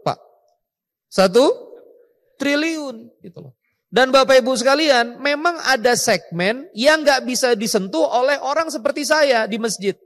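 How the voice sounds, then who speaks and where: A man, a mosque preacher, giving a lively speech to an event audience, asking the crowd questions and quoting scripture. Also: sits high. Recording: echoey hall.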